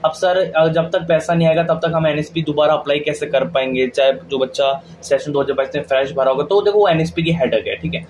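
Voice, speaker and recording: A man with an Indian accent and a fairly high voice talks a little fast with hardly any pauses, sounding slightly mellow on a low-quality recording with a bit of hiss or hum. As a video host giving scholarship updates, he offers an informal, colloquial explainer, treating viewers like friends and often checking that they follow.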